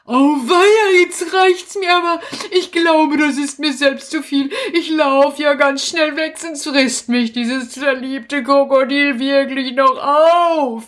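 A woman's voice: high voice, fairly even intonation, takes it slowly, few pauses, fairly bright tone, pitched above the performer's own voice. A woman voicing a flustered, helpless male wizard in a children's puppet show, agitated and fretful. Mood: panicked.

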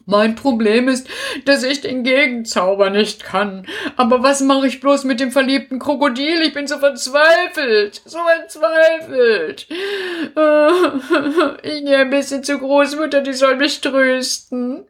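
A woman's voice: high voice, steady tone, measured pace, pitched above the performer's own voice. A woman voicing a flustered, helpless male wizard in a children's puppet show, agitated and fretful.

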